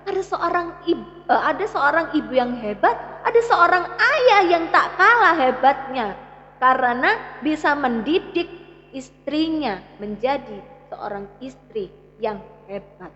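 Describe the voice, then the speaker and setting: An Islamic parenting speaker with an East Javanese Indonesian accent teaches emphatically, addressing parents directly with rhetorical questions. Her fairly bright, high voice swings widely in pitch at a measured pace. The hall is echoey and the sound slightly muffled, with a little hiss or hum.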